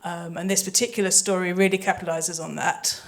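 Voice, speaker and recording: An audio drama composer on a live festival panel speaks thoughtfully about creative work, hesitant and explanatory, using a handheld mic that is passed among the panelists. She has a lowish voice with little pitch movement and a brisk delivery.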